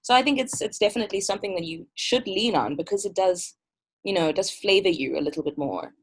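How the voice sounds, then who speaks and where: A woman from Malawi, a music festival curator, speaking as a guest in a casual interview. She talks in a thoughtful, measured way over a video call. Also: medium pitch, animated, husky.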